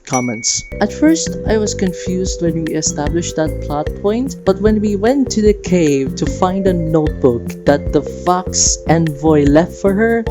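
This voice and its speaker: With music in the background and a slightly dull recording, a woman hosting a game discussion as a video creator gives relaxed, playful fan commentary full of enthusiasm. She speaks a little slowly and expressively at a fairly low pitch, barely pausing.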